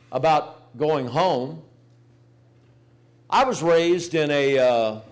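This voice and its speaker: Older guy preaching, kinda high voice, chatty storytelling that builds up to big points. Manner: folksy storytelling with emphatic rises. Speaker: pastor. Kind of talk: sermon.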